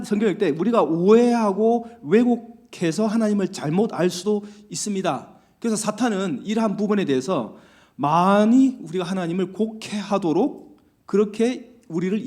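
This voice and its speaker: A man's voice: sits high, darkish tone. A man preaching a conversational church sermon, full of rhetorical questions and acted-out quotes. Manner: acts out quoted lines in varied voices. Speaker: pastor. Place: church sanctuary.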